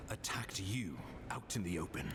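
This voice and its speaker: An actor voicing a grave, earnest imperial official in a fantasy video game, speaking in a formal, dramatic way. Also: male voice, on the low side, moderate pace, vocal fry, background noise. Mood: troubled. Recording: loud game music behind.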